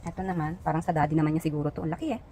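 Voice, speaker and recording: Woman from the philippines, vlog host, lowish voice, chatty show-and-tell, faint background hum. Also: steady tone, racing, warm tone, rough recording. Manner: chatty, points out each item with frequent fillers. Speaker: vlogger.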